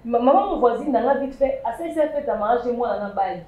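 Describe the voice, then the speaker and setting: A woman, chatting lively on a talk show panel, with emphatic bursts. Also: fairly high pitch, fast talker, lo-fi sound. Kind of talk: casual chat show commentary. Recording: echoey room with faint noise.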